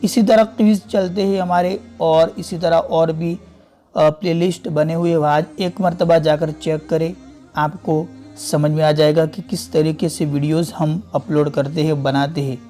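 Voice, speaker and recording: A man teaching a Quran reading lesson step by step, slowly repeating and drawing out each example word. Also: a little high, little pitch movement, dark tone, faint music behind. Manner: slow, patient, repeats and stretches out example words.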